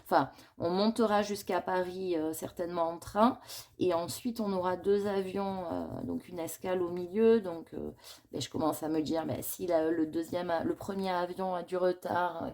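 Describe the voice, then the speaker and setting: A woman's voice: lowish voice, steady tone, normal speed, a little mellow. A woman chatting casually in a coloring vlog, thinking aloud in a rambling, confiding way and admitting her worries. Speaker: coloring vlogger.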